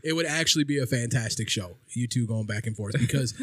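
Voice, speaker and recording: A man's voice: medium pitch, quick pace, husky, no room sound. A man co-hosting a podcast, chatting casually over drinks and swearing freely. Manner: laid-back, swears freely. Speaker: podcast co-host.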